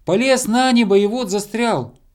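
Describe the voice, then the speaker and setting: Мужчина озвучивает в сказке маленькую нетерпеливую белку, которая пронзительно и настойчиво окликает друга. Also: male voice, lively intonation, brisk, a bit bright. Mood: shouting. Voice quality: shrill, urgent calling. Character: bossy excitable little female squirrel.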